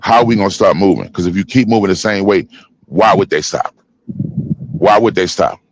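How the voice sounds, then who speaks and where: A man in his fifties talking forcefully in a heated panel discussion, preaching in street slang. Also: low-pitched, moderate pace, no room sound. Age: 50s. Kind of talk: heated casual panel talk.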